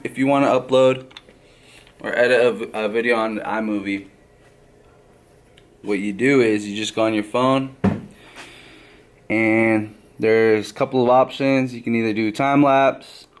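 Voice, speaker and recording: A man's voice: medium pitch, fairly even intonation, measured pace, long pauses. A man, a barber, giving a casual step-by-step how-to, often tagging his points with "right?". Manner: walks through steps, tags lines with "right?".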